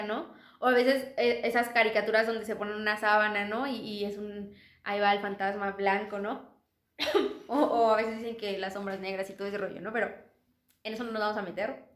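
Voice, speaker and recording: A woman's voice: fairly high pitch, a bit bright. A woman leading a casual Bible study, chatting and putting questions to the listener. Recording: roomy echo.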